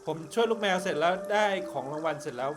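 A man chatting casually to viewers as he plays through a game, his volume swinging between loud and soft. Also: a little high, expressive, rapid-fire. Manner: chatty, talks to viewers while playing. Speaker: game streamer. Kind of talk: casual gameplay commentary. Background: game music.

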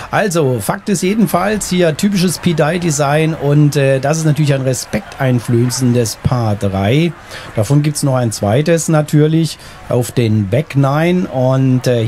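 Guy doing a casual let's play, thinking out loud, medium voice, faint game ambience. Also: mid-range voice, a little hiss or hum. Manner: thinks aloud. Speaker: gaming video host.

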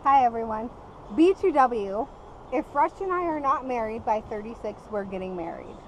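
A young woman on a river fishing trip, talking in a playful, excitable way with plenty of cursing, recorded by an action camera on a boat. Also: fairly high pitch, normal speed. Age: young adult. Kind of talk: casual chat. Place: small boat on a river outdoors. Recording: very noisy outdoor camera audio.

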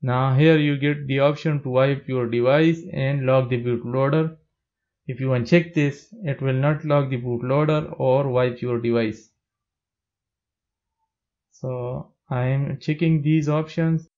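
A man narrating a step-by-step tech tutorial as a plain, steady voice-over. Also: mid-range voice, measured pace, highs cut off.

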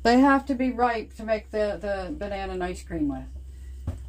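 A chatty, teasing older woman from Nova Scotia, Canada, laughs often as she vlogs in an expressive, medium-pitched voice at a moderate pace. Filmed on a phone at arm's length, the noisy clip moves from a parked truck into a home kitchen.

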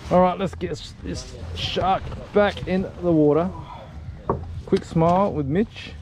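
A man's voice: sits high, measured pace. An Australian man hosting a fishing video, chatting casually on a jetty at night. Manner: laid-back, chatty, says "mate". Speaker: fishing channel host. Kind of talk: casual chat while fishing. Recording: outdoor noise behind.

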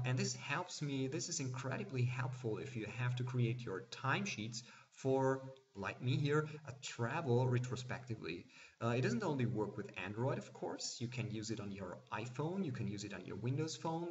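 A young man records a screen demo at his computer, explaining each step in a plain, matter-of-fact way. His voice sits at a middle pitch. The recording is a little muffled and lo-fi, as from a simple desk mic. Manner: plain explanatory, with fillers and restarts. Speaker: software presenter. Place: indoors at a desk. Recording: slightly dull, lo-fi sound.

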